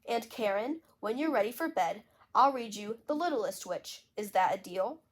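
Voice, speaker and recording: A woman reading aloud, voicing a calm, patient teenage babysitter. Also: a little high, moderate pace. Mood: gentle.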